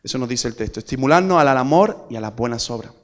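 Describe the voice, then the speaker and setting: A man from Spain preaching a sermon to a congregation. He keeps asking them rhetorical questions and swings from loud, emphatic peaks to quiet asides. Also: mid-range voice, lively intonation, quick pace. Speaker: pastor.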